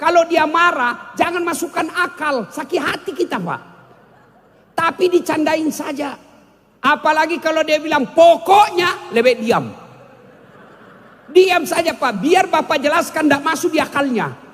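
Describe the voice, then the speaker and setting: Guy preaching a funny sermon, high voice, sings bits of songs, big echoey hall. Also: animated, a little slow, a bit bright. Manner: jokey, sings snatches of songs, banters with the audience. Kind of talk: humorous sermon. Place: large hall with an audience.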